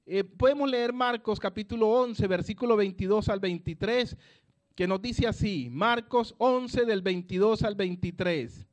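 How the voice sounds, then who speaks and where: A man preaching a sermon at an evangelistic campaign, emphatic and repeating his phrases, swinging between loud declarations and soft asides. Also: high-pitched, measured pace.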